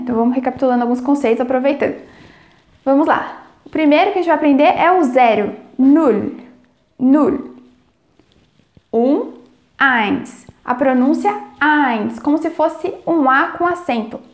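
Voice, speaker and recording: A woman teaching German numbers in Portuguese, explaining clearly and slowing down to model each word's pronunciation. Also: high-pitched, darkish tone, reverberant. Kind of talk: language lesson.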